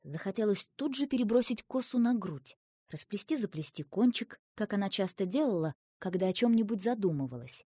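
Woman narrator, fairy-tale audiobook, lively pitch, dry close sound. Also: brisk, breathy edge, no echo. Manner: expressive storytelling.

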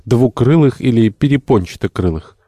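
A man's voice: mid-range voice, expressive, moderate pace, dark tone, no room sound, studio quality, pitched above the performer's own voice, natural voice. A man voicing a middle-aged woman traveling on a ship who speaks politely and teases mildly. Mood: teasing. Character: middle-aged female ship passenger, gentle, teasing.

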